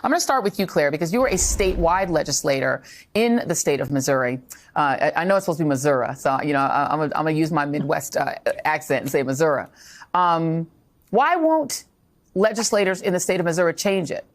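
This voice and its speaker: A woman news anchor introducing her guests and putting questions to them in a brisk interview manner. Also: low-pitched. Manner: brisk interviewer, brief affirmations.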